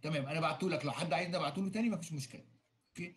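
Fast-talking Egyptian-accented man teaching English. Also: a little high. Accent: Egyptian Arabic. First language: Arabic. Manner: explains, then repeats in Arabic, many fillers. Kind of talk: online lecture. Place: video call.

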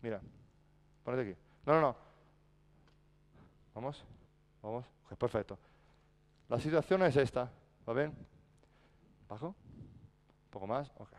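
A man's voice: medium pitch, animated, unhurried, pauses often. A man coaching a basketball practice in a large indoor gym, barking short commands and then explaining patiently. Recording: echoey gym reverb.

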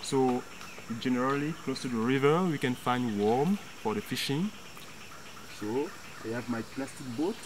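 A young man with a medium-pitched voice demonstrates fishing at a jungle riverbank, speaking a little slowly and searching for words in non-native English. He's a local companion explaining things informally, with clear insect and jungle sounds all around.

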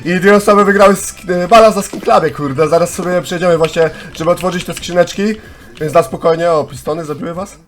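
A man in his twenties, a gaming YouTuber, giving chatty, excitable live commentary on a contest and talking straight to his viewers. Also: sits high, fairly quick, faint music behind. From Poland. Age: 20s.

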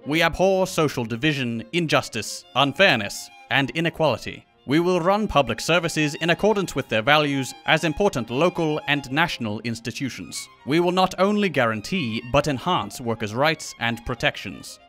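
A man's voice: fairly high pitch, expressive, moderate pace, hardly any pauses, a bit bright, faint music behind. A man putting on a mock British accent to read out a pompous conservative politician's manifesto. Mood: pompous earnest.

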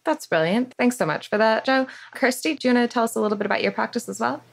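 A woman's voice: fairly high pitch, fast, creaky. A woman hosting a podcast interview, welcoming her guests and asking friendly, encouraging questions. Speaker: podcast host.

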